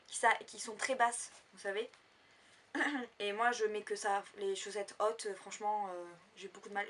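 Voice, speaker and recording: A woman's voice: medium pitch, fairly bright tone, far from the mic, slight background noise. A woman chatting casually in a shopping haul vlog, rambling with lots of fillers. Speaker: vlogger.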